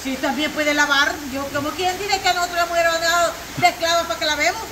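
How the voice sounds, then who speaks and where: Loud high-voiced woman. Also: fast talker. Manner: loud, near-shouting talk. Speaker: vlog host. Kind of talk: casual couple banter. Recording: steady hiss on recording.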